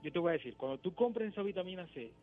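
A man phones in to a radio show and explains things patiently, circling back and repeating words as he goes. His voice sits a bit high. It comes through a thin, tinny phone line. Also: animated, rapid-fire, soft background music. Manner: explanatory, repeats words while searching for them. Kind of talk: casual radio phone-in chat.

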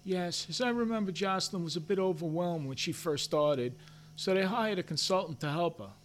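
A man's voice: high-pitched, a little fast, slight background noise, close to an everyday voice. An actor playing a gossipy, defensive middle-aged office man who hedges his answers and drops his voice for asides. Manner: hedging, self-justifying, drops voice for asides.

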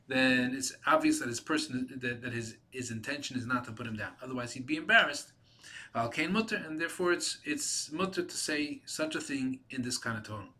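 Man teaching a text, bright voice. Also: medium pitch. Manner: halting, repeats and restarts words while translating. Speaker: Torah teacher. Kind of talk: reading a Hebrew text and translating it line by line.

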